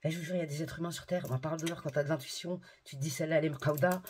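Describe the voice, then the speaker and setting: A woman chatting casually to her viewers in a vlog about hair care and shopping, slangy and quick to rant. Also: low-pitched, fairly even intonation, darkish tone, slight background noise. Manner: addresses viewers directly. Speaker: beauty and haircare vlogger.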